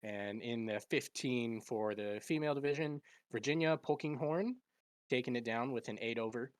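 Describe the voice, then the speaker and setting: A man's voice: mid-range voice, normal speed, no echo. A man from Nevada hosting a podcast, reading out results in casual chat with a playful streak. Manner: reads out results, playful about stirring drama. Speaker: podcast host.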